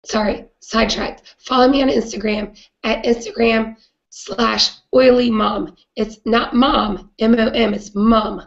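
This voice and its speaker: Raspy sick-sounding woman on a live chat, flat gravelly voice, kinda dull lo-fi audio. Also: on the high side, a little slow. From not British. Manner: earnest, with frequent "um" fillers. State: hoarse from a cold. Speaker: host of a live video chat. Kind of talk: casual live-stream talk.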